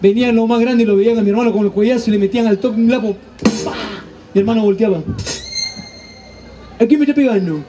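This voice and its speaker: A man's voice: sits high, fairly even intonation, very fast, background noise. A man doing a stand-up comedy monologue, telling stories animatedly and acting out his family's voices. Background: audience laughter.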